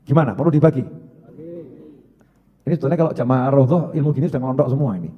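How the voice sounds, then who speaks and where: A man's voice: medium pitch, racing, phone-quality sound. Male preacher in a reverberant hall. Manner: conversational, jokey, asks the congregation questions. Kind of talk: sermon.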